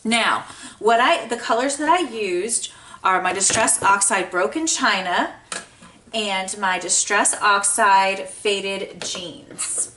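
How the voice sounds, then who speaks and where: A card maker hosts a casual how-to craft tutorial, chatty and enthusiastic. Her mid-range voice is slow, pushed and bright, a little scratchy and congested from a sinus infection.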